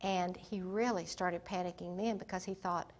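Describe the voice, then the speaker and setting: A woman teaching the Bible in sermon style, retelling its stories emphatically and dramatically, sometimes dropping to a hushed voice. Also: fairly low pitch, fairly even intonation, normal speed. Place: Africa.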